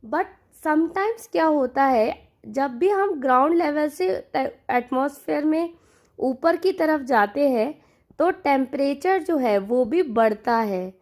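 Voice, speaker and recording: Slow, high-voiced woman teaching. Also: lively intonation, a little mellow. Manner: unhurried, repeats key terms, addresses viewers as learners. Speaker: online exam-prep teacher. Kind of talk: Hindi-English mixed lecture explaining to learners.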